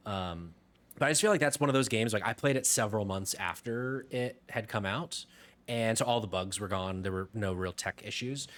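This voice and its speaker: A man's voice: lowish voice, moderate pace, fairly bright tone. Upbeat man hosting a panel chat. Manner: upbeat, moves the panel along. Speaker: host.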